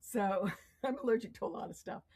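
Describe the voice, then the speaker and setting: A woman's voice: medium pitch, a little fast. A middle-aged woman as an interview guest, telling stories in casual talk, acting out quotes and laughing often. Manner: animated storyteller, acts out quotes, laughs often. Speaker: guest artist.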